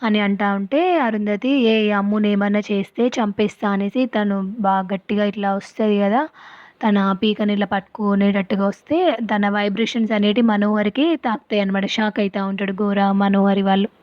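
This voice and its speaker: A woman's voice: mid-range voice, little pitch movement, fairly quick, no room sound. A woman casually retelling a TV serial episode, quoting the characters' lines as she goes. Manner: retells scenes and quotes lines, often tagging them with a filler phrase. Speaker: serial recap narrator. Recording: dull, dry recording.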